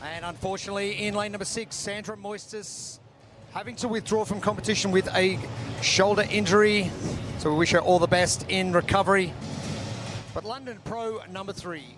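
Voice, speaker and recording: A man's voice: high voice, fairly even intonation, normal speed, background noise. A man hosting live sports commentary with polished, emphatic delivery. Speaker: broadcast host and commentator.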